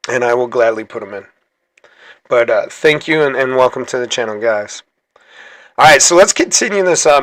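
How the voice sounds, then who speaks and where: A man's voice: mid-range voice, fairly bright tone, no room sound. A man hosting his gaming channel, chatting casually through gameplay, rambling and correcting himself as he goes. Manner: chatty, rambling, self-correcting, laughs easily.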